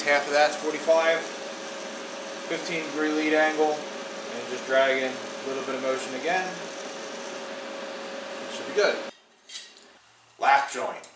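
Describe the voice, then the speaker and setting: A man's voice: mid-range voice, distant mic. A man in his thirties teaching welding step by step, explaining things in a practical, matter-of-fact way in a home garage workshop. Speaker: welding instructor. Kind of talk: instructional demonstration. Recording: echoey garage from afar with fan hum.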